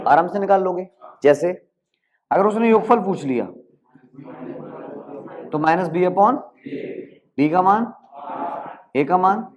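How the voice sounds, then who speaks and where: High-voiced man tutoring maths, lo-fi. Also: a little mellow. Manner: coaxing, asks quick check questions and answers them himself. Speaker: maths teacher. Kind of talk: classroom-style exam tutoring. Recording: dull lo-fi recording.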